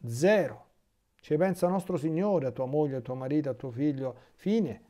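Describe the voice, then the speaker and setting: An Italian man, a priest, giving a catechesis talk. He reads from a text and keeps breaking off into lively spontaneous asides. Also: a little high, normal speed.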